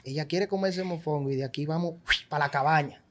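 A man's voice: a little high, fast. A man co-hosting a casual chat, trading playful, teasing banter.

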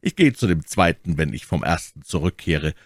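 A man's voice: sits low, animated, normal speed, dry recording, studio quality. A man reading the part of a bold, eager young musketeer in a storybook reading, speaking resolutely. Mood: determined.

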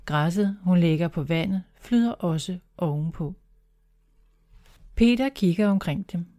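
A woman narrating a children's story in a calm, clear manner. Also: on the low side.

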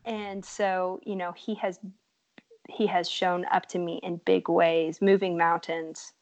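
Earnest, chatty woman with light vocal fry. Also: fairly low pitch, little pitch movement, takes it slowly. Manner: earnest, chatty and warm, laughs readily. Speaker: podcast guest. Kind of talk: casual faith podcast chat.

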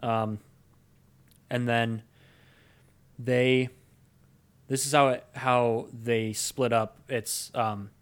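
A man co-hosting a relaxed movie podcast, retelling a plot at length. His speech is full of ums, uhs and restarts, at an ordinary middle pitch for a man. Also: extremely slow, long pauses, clean tone. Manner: rambling plot recap with frequent ums and uhs. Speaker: podcast co-host. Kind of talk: casual movie review chat.

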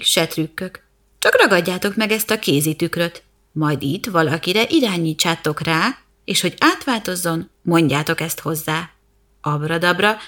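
A woman's voice: on the low side, a bit bright. A woman voicing a cranky, bossy old witch who scolds and chants rhyming spells in a storybook reading.

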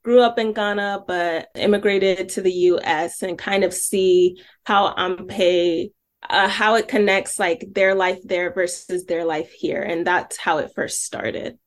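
A woman's voice: fairly low pitch, steady tone, a little slow. A woman from Nigeria, a filmmaker guest, chatting casually and telling a story with many asides.

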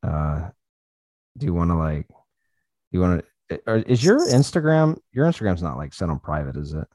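A man's voice: low voice, big pitch swings, normal speed, darkish tone, no echo. A man telling stories in casual chat, loose and profane, laughing often as he talks.

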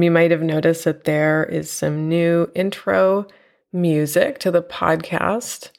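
A woman hosting her own podcast from home, talking in a reflective, unhurried way with a nasal voice from a cold. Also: low-pitched, gravelly. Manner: reflective, unhurried, with fillers and soft laughs. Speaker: podcast host and teacher. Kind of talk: personal podcast monologue. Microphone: home podcast mic.

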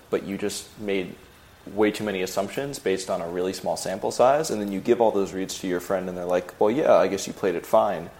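A man with a very low voice, chatting casually on a podcast. He talks in a thoughtful way and is ready to admit his own faults. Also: darkish tone. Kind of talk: casual chat.

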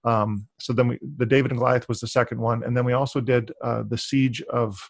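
Gravelly-voiced male interview host. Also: mid-range voice, flat delivery, a little fast, no echo. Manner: rambling, many fillers and restarts. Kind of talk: casual interview conversation.

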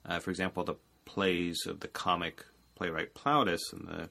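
A classics scholar explains ancient texts in an easy conversational interview. His voice is very low and his phrases fade quietly at their ends. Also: flat delivery, normal speed, creaky.

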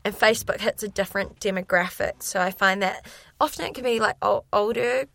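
A woman's voice: mid-range voice, a little fast, creaky, fairly bright tone. A young woman speaking candidly and chattily as a guest in a casual interview. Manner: candid, talkative. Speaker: fitness influencer, interview guest.

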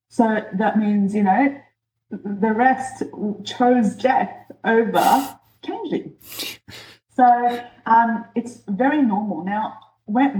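Interview guest: woman, mellow tone, measured explainer, echoey room. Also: mid-range voice. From born in Egypt, raised in New Zealand and Australia. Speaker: guest, change expert. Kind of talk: casual interview. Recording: roomy echo.

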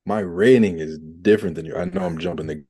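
A man with a very low, dark, mellow voice talking casually on a podcast. He is relaxed and chatty, with plenty of "like"s. The sound is dry and close. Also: fast talker, creaky, husky, no room sound. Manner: relaxed, chatty, says "like" often. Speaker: podcast co-host. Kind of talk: casual film discussion.

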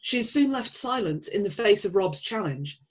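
A woman's voice: medium pitch, animated, moderate pace, poor audio. A woman presenting a scripted analysis in an analytical manner.

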